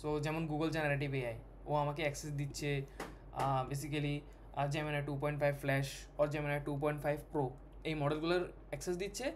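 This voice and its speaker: A man explains code in a casual screen-recorded lesson. His voice sits a little high, and he pauses, fills gaps and restarts phrases as he types. Faint background noise hums under the recording. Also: level tone. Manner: code-switching, halting with fillers and restarts. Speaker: programming tutor.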